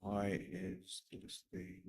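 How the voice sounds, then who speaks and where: A man's voice: high-pitched, sing-song, very slow, vocal fry, a little mellow, breathy edge, rough recording. A young man mumbling to himself as he talks through building a 3D model on a stream. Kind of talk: casual thinking aloud while modeling.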